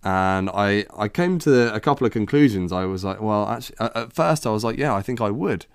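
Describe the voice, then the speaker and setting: A man's voice: lowish voice, animated, brisk, clear, resonant tone, no echo, studio quality. A man co-hosting a podcast, chatting casually in a rambling, hesitant way with many restarts. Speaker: podcast co-host. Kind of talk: casual chat.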